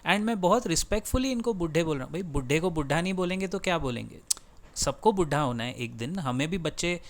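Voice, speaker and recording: A man's voice: fairly high pitch, expressive, fast. A middle-aged Indian man hosting a finance channel, delivering opinionated commentary in a passionate, sarcastic rant with sudden emphatic bursts. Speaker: finance video host.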